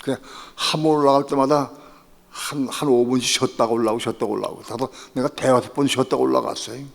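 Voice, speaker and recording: A man's voice: medium pitch, steady tone, fast talker, gravelly. Male pastor, mid-range voice, conversational sermon that swells into pleading prayer, long church reverb. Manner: retells his own prayers with rising, pleading intensity; conversational, repeats phrases. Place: church sanctuary.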